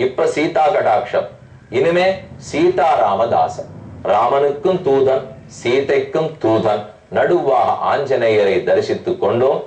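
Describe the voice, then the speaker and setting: A man giving a devotional discourse, chanting scripture verses slowly and then explaining them in everyday speech. He stands well back from the mic in a roomy space with a clear echo, and his pitch sits in a middling range. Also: darkish tone, recorded from a distance. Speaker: religious discourse speaker.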